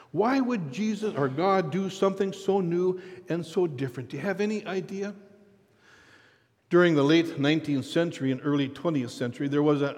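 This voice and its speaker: A man preaching a sermon as a dramatic story, often dropping to a hushed voice for effect. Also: fairly high pitch. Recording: reverberant hall.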